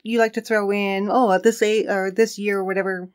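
A woman co-hosts a casual true crime podcast and tells the case story. She talks in a relaxed, chatty way and laughs often. Her voice sits at an ordinary middle pitch. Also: fairly quick.

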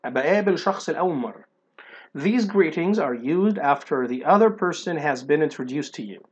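A young man with an Egyptian Arabic accent, teaching an online lesson and slowly repeating phrases to explain them. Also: fairly high pitch, lively intonation, breathy edge. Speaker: English teacher. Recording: dull lo-fi recording.

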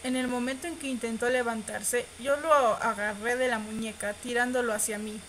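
Expressive woman reading a game aloud. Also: fairly high pitch, moderate pace, slight background noise, poor audio. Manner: expressive, squeals and laughs at romantic scenes. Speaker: streamer reading a visual novel aloud. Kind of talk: reading game text aloud with live reactions.

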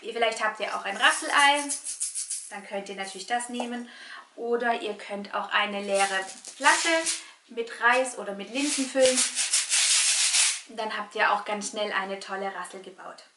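A woman's voice: medium pitch, normal speed, recorded from a distance, background noise. A woman in her thirties hosting a children's singing session, talking to young children and a puppet. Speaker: children's music educator and host. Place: small living room, indoors. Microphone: camera a few steps away. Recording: roomy living-room camera sound.

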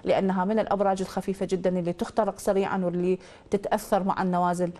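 An Iraqi woman hosts a call-in astrology show at a breakneck clip. Her pitch sits in an ordinary middle range. She fires off probing questions, then delivers her readings with firm certainty. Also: flat delivery, racing, warm tone. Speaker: astrologer host.

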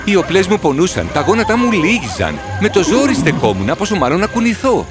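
A man voices an earnest, sorrowful horse storyteller in storybook cartoon narration, sounding reflective and sad. His voice is high-pitched with huge swings in pitch, and music plays in the background.

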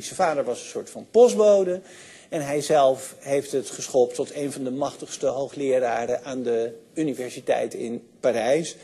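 An older man giving a university lecture, enthusiastic, often pausing with fillers and restarting his sentences. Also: a little high, dark tone, breathy edge. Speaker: sociology lecturer.

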